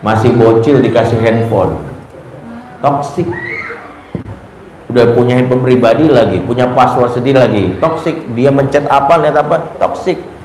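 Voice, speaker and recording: A man preaches about parenting and acts out conversations in quoted voices as he tells his stories. His pitch is mid-range for a man. The room is echoey, with faint ambient noise behind him. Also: normal speed, pauses often. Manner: lively storytelling, acts out dialogue in quoted voices. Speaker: Islamic preacher. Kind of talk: religious parenting talk.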